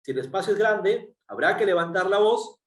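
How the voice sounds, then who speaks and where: Roomy, distant high-voiced man lecturing. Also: lively intonation, normal speed. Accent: Peruvian Spanish. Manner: explanatory, frequent tag questions and fillers. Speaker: workshop speaker. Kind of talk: online workshop lecture.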